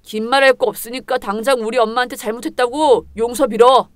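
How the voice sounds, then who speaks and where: A selfish young husband who sides with his mother, blunt and contemptuous, as a woman puts him on. The voice is pushed lower and sounds dry and close in a dramatized story reading. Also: fairly even intonation, brisk, no room sound, close to an everyday voice. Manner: lower put-on voice, blunt and dismissive.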